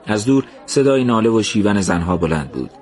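A man narrating a story in a slow, measured, somber reading. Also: on the low side, very animated, a little mellow, a faint crowd.

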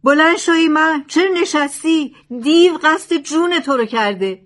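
A woman's voice: mid-range voice, animated, lightly acted. A scheming male thief from an old storybook tale, boastful and stubborn, as a woman reads him. He argues insistently and will not give ground. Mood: shouting. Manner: insistent, argumentative.

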